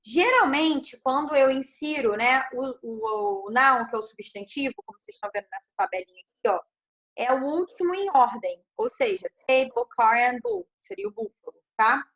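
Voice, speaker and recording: A woman's voice: high voice, animated, moderate pace, a bit bright. A woman teaching an English grammar class online over a video call, explaining step by step and checking in with frequent tag questions.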